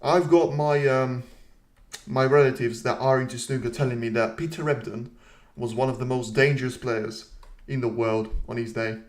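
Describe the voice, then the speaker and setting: A man hosting a live stream, giving casual commentary and reading viewer comments aloud, with rambling, self-deprecating asides. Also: mid-range voice. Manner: chatty, reads viewer comments aloud and answers them.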